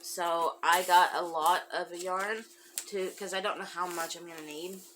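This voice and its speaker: A woman's voice: on the low side, level tone, moderate pace, sharp tone, a little hiss or hum, rough recording. A woman hosting a crafting podcast, chatting casually with lots of fillers, and sounding a bit congested. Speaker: podcast host. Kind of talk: casual chat.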